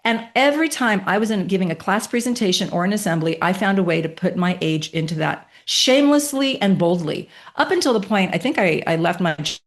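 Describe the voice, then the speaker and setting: A woman in her late fifties, a podcast guest telling a personal story with emphatic, animated delivery and rhetorical questions. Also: on the low side, a little fast, hardly any pauses. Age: 50s.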